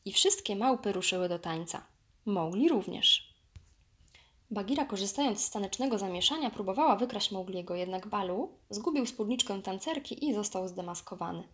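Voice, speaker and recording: Female narrator, mid-pitched, lively children's story reading. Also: normal speed.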